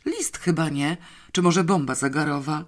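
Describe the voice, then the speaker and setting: An audiobook reader voicing a skeptical, excitable young boy who grumbles and exclaims. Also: mid-range voice, moderate pace, close to an everyday voice. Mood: amazed. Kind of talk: audiobook character voice.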